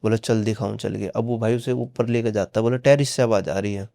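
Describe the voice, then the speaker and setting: A man's voice: on the low side, steady tone, brisk, creaky, warm tone. A man casually recounting a horror story on a podcast, acting out the dialogue with frequent "he said" tags. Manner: retells dialogue with many "he said" tags.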